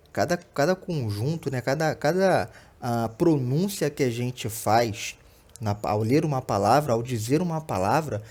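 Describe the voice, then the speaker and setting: Over a set of slides, a young Brazilian man gives a patient online lesson, his accent Brazilian Portuguese and his voice mid-range and a touch mellow. He frequently tosses in short check-ins like "né?" and "tá?".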